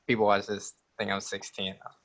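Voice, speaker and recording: A man's voice: fairly low pitch, completely flat delivery, fairly quick, a bit bright. A 19-year-old man chatting casually as an interview guest, joking, laughing often and rambling with restarts.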